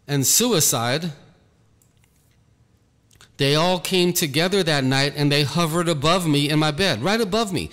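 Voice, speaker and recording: A man giving an earnest personal testimony about his ministry, talking slowly and repeating himself. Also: a little high, fairly bright tone, long reverb tail. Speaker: ministry leader.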